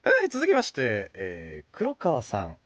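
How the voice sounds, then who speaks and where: A man's voice: mid-range voice, wildly swooping pitch, measured pace, fairly bright tone, no echo. A man in his thirties, a voice actor casually leading the cast's comments after a recording, teasing and laughing. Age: 30s. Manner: playful teasing, lots of laughs. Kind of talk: casual post-recording chat.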